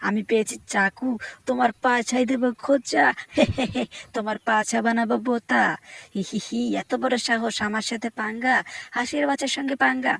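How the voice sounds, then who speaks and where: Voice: medium pitch, vocal fry, fairly bright tone, no room sound. Someone doing a cocky, teasing cartoon duckling. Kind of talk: comic fan dub of a cartoon.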